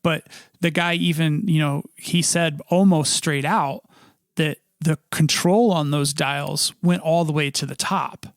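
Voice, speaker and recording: A man's voice: on the high side, fairly even intonation, dry recording, studio quality. A man co-hosting a podcast, explaining things in casual conversation. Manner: explanatory, measured. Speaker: podcast co-host.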